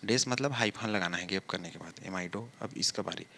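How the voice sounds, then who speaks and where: Low-voiced man teaching chemistry at a board. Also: bright, forceful tone, a little hiss or hum. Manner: asks questions and answers them himself; drawls words out slowly while writing. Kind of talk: blackboard lesson explaining step by step.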